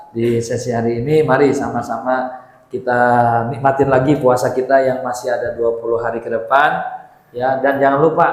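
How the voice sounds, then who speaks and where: A man giving a mosque sermon, lively and joking, chanting Arabic phrases now and then. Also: mid-range voice. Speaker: preacher. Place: mosque hall. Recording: very echoey hall.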